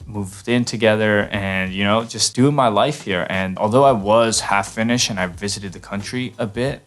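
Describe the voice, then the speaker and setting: A young man from New York talking casually to camera in a relaxed, chatty way, with fillers and restarts. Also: fairly low pitch. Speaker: vlogger.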